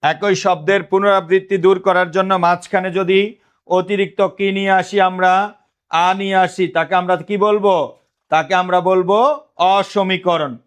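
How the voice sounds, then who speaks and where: High-voiced man teaching, call-and-response. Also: level tone, clear, resonant tone. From Bangladesh. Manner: repetitive call-and-response questioning; dictates notes slowly, repeating phrases. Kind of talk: online class lecture.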